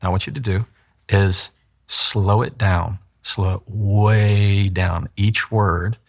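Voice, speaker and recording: Low-voiced male attorney coaching communication. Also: fairly even intonation, slow pace. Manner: acts out quoted voices, demonstrates pacing. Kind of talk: explanatory interview talk.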